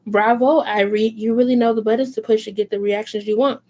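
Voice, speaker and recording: A woman's voice: fairly high pitch, fairly even intonation, fast talker, darkish tone, lightly acted. Woman reading as a sly hardened female inmate with a Baltimore accent. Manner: sly, taunting, then resigned.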